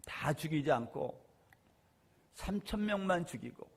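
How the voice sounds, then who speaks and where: High-voiced Korean pastor preaching a sermon. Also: male voice, animated, unhurried, creaky, slightly rough. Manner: preaching with rhetorical questions, swinging between loud and soft.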